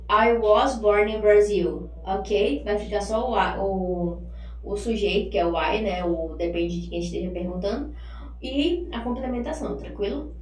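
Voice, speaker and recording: A woman teaching an online English lesson, chatting casually and drilling phrases slowly for students to repeat. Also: on the high side, far from the mic. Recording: echoey room, voice from off-mic, faint hum.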